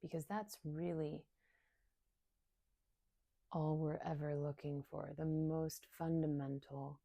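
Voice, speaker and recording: A meditation guide and somatic coach leads a session in a low, mellow, steady voice that barely moves melodically. Her short, soothing phrases soften at their ends and are separated by long pauses, delivered slowly and without hurry. The clean studio recording has no room sound.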